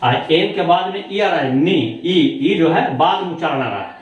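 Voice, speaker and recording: A man's voice: fairly high pitch, moderate pace, dull audio. A male shorthand teacher giving a classroom lesson, explaining each step and asking questions he then answers himself. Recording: very echoey room, voice far from mic.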